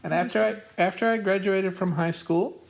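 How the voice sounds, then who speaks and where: A man's voice: high-pitched, fairly even intonation, normal speed, creaky, slight background noise. A South African man in his forties, answering interview questions carefully and spelling words out. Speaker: podcast host being interviewed by his daughter.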